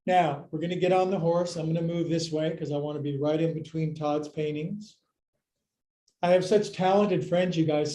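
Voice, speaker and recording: A man's voice: fairly high pitch, mellow. A man teaching a live yoga class, cueing moves with playful jokes and counts. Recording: echoey room.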